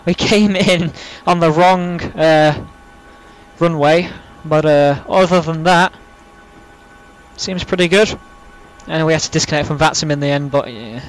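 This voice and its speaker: A man's voice: a little high, rough recording. A man giving casual, rambling, self-deprecating gameplay commentary as a flight sim host, saying w for r. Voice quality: can't pronounce R's properly, says w for r.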